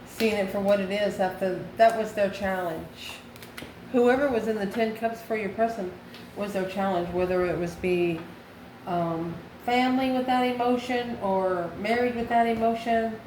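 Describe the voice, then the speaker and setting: An American woman gives a casual, off-the-cuff tarot reading, musing aloud and answering her own questions. Her voice is medium-pitched, a little mellow, at normal speed. The room is echoey, with clear background noise.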